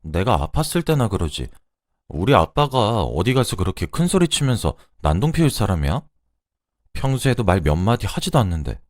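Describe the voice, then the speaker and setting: A man's voice: lowish voice, darkish tone, no room sound, studio quality. A man voicing a bubbly, cheeky young woman who teases and pleads in a radio drama. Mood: pleading. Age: young adult. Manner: playful, pleading, teasing.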